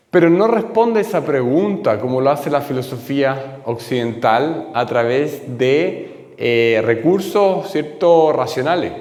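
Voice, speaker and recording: A man's voice: medium pitch, darkish tone. Patient man teaching in a hall. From Chile. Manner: patient, often checks with "¿cierto?" and "¿ya?". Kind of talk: explanatory lesson. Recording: echoey hall.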